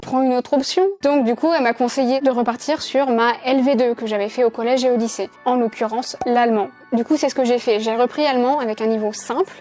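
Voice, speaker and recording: A woman's voice: a little high, fairly even intonation, quick pace, hardly any pauses, darkish tone, soft background music. Chatty young French woman vlogging. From France. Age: 20s. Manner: chatty, self-mocking, laughs often, trails off. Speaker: student vlogger. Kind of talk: casual chat to camera.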